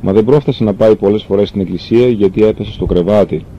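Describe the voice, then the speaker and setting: A man reading a classic novel aloud, telling the story calmly and earnestly with the odd stumble. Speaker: reader. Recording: dull lo-fi recording with faint rumble.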